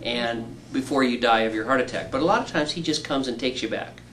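Middle-aged surgeon explaining plainly. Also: male voice, mid-range voice, fairly quick, fairly bright tone, a little hiss or hum, poor audio. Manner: patient, plain-spoken, teacherly with homely examples. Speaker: weight-loss surgeon. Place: indoor room.

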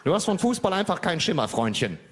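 Male comedian doing a sharp-tongued girlfriend, high and indignant. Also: very animated, a little fast, slight background noise. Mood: scolding. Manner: indignant, snippy. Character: irritated girlfriend, sharp-tongued adult woman.

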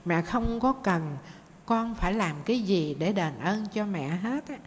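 A woman's voice: medium pitch, expressive, a little slow, lightly acted. A woman voicing a tender, soothing old mother speaking to her grown son. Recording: faint noise, long hall reverb.

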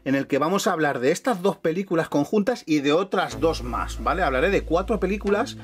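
Giving a casual room tour, this Catalan YouTuber in middle age strolls through a home room full of shelves, talking eagerly to his audience. He has a La Mancha accent and a slightly high, expressive voice, moving along at a fairly quick pace indoors.

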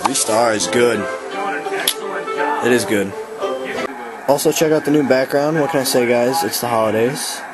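A man's voice: mid-range voice, a little slow, long pauses, over loud music, low-quality recording. A man talking casually to his viewers in a home vlog, upbeat and chatty, calling them guys. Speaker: vlogger. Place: family home on a holiday.

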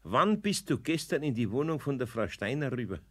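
A man's voice: medium pitch, very animated, a little fast, husky. An older man with a Bavarian accent playing an old master carpenter in a radio play, grumbling and exclaiming to himself. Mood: scolding. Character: old master carpenter, gruff but caring.

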